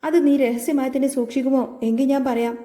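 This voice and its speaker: Woman reading a soft-spoken, guarded father; high mellow tone, calm. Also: quick pace, natural voice. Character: older Kerala father, calm, guarded and reassuring.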